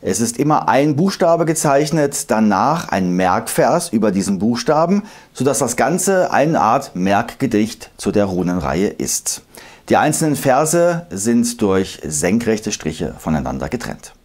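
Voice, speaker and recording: A man narrating a scripted history lesson, explaining emphatically and slowing down to recite old verses. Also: mid-range voice, very animated, a little mellow. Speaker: history video host.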